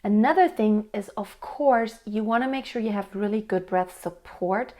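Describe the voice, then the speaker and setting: A woman with a warm, medium-pitched voice offers singing tips to camera at a moderate pace. Friendly and patient, she explains technique, responds to a viewer's question, and demonstrates by singing.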